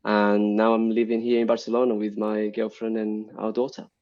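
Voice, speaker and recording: Over dull, lo-fi stream audio, a man from Brazil who works as a UI developer talks as a guest in a relaxed live-stream interview. He speaks at normal speed in a lowish monotone, giving long explanations full of ums and restarts.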